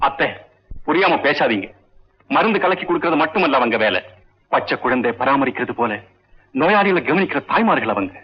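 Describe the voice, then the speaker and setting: An actor playing an earnest, principled young doctor who reasons calmly with his family. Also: medium pitch, a little fast, long pauses, slightly rough. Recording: dull old film soundtrack with faint music.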